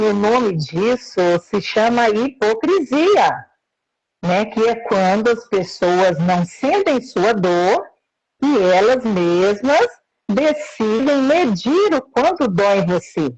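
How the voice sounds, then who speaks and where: A woman speaking as a guest in a live interview, heard through a choppy, breaking-up call line, talking in a slow, measured way. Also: mid-range voice, lively intonation, darkish tone, slightly rough. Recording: dull lo-fi call audio.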